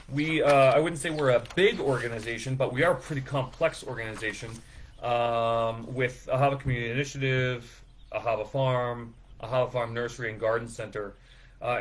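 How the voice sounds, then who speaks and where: A man's voice: medium pitch, fairly bright tone. A man presenting the season details for his farm in a casual, rambling way, with lots of fillers and self-deprecating asides. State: feeling sick after overeating.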